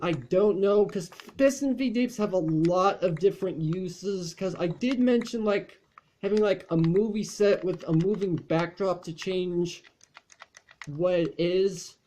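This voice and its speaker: A man's voice: sits high, unhurried, a little mellow, slight background noise. A man chatting casually over gameplay as a channel host, rambling along with frequent fillers and restarts.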